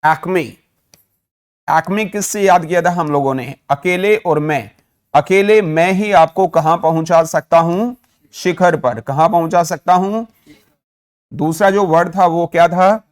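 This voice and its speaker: Indian guy teaching english vocab, talks real slow, keeps asking the class stuff then answering it himself. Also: a little high. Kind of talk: vocabulary lesson.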